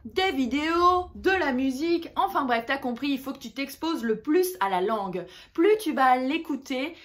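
A woman from France who teaches Italian, giving a lively, emphatic online lesson and speaking straight to the viewer. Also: high-pitched, normal speed.

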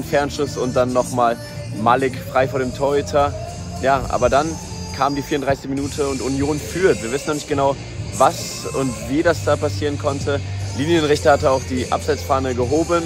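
Man vlogging football over loud music. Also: mid-range voice, steady tone, moderate pace. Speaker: vlogger commentating on a youth football match. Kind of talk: informal pitchside match commentary. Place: outdoors at a football ground.

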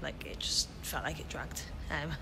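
Holding a phone or camera at arm's length, a twenty-something vlogger who also performs pantomime talks informally to viewers through her day. She keeps a normal speed and a fairly even intonation. Traffic rumble and background ambience come through the handheld recording.

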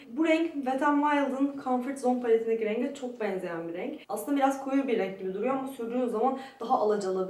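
A woman's voice: fairly high pitch, a little mellow. A young woman giving a chatty, detailed beauty product review, her voice ringing with strong echo in a small room at a friend's home. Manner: chatty, detailed, describing items up close. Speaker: beauty vlogger. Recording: echoey room, voice from a distance.

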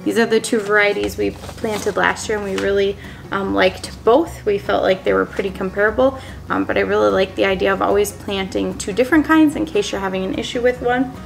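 Upbeat homestead vlogger lady, bit of vocal fry, chatting at her dining table, lots of ums. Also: mid-range voice, fairly quick, soft background music. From Minnesota, USA. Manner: chatty, upbeat, many ums, shows seed packets. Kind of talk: casual chat to camera. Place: small indoor dining room at a wooden table.

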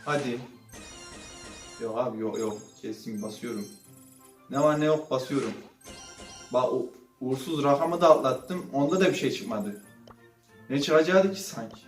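Excitable young-sounding man, roomy distant mic. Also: mid-range voice, normal speed, long pauses, soft background music. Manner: excitable, swings between muttering and loud outbursts. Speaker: gaming channel host. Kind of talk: casual gaming commentary while opening loot boxes.

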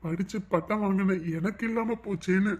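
A man's voice: high-pitched, fairly even intonation. A man playing an educated, remorseful middle-aged father who speaks earnestly. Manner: earnest, measured pleading. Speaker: father-in-law in a family drama. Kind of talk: web drama acting.

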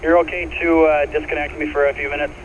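A man's voice: a little high, little pitch movement, fast talker. A man working as a firefighter on an engine, talking in terse police and fire radio style over a two-way radio. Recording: muffled, very noisy two-way radio transmission.

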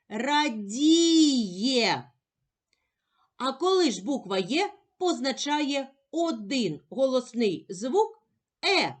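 Female teacher with a Ukrainian accent, slow and gentle. High, very lively pitch, careful enunciation. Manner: gentle, sing-song teacherly, over-enunciated. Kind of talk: slow, clear phonics lesson for young children.

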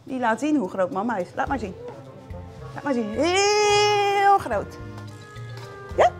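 A woman's voice: a little high, a little fast, faint music behind. A woman reading a picture book aloud to young children, sing-song and coaxing, asking them questions as she goes.

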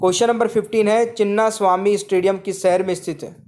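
A man's voice: high voice, steady tone, quick pace, a little mellow. A man teaching a general-knowledge quiz in a voice-over, reading each question twice and then giving the right answer. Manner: repeats each question, addresses viewers as friends. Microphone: voice-over on screen slides.

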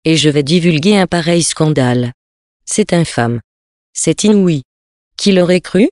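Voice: medium pitch, a little slow, darkish tone, no room sound, studio quality, lightly acted. A reader voicing a flustered, pious elderly country priest who stammers in alarm, in a storybook reading.

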